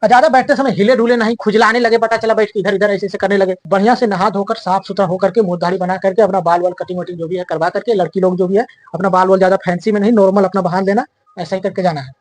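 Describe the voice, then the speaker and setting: Fast-talking coaching teacher. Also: male voice, sits high, steady tone, no room sound. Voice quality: chatty, checks in often with "theek na?". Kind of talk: casual instructive talk to students.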